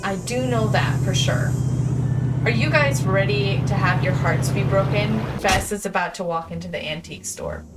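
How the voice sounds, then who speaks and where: Halting woman streamer, mic far off. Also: medium pitch, over loud music. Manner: halting, with many fillers and restarts. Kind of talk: casual gameplay chat.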